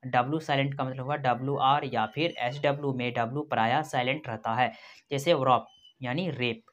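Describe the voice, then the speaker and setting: A man's voice: medium pitch, fairly even intonation, fairly quick, fairly bright tone, muffled recording. A male teacher giving a recorded lecture, methodically spelling words out letter by letter and repeating each rule. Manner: methodical, explanatory.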